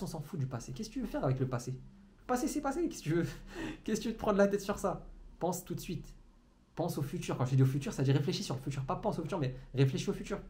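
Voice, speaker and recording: A man in a room gives a motivational talk straight to the camera, his voice sitting a touch high. He rushes through his points at great speed and trips over words, restarting and repeating himself as he goes. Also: a little mellow. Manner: fast talker who stumbles and repeats words. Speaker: entrepreneurship trainer. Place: room, indoors. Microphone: camera in front of him.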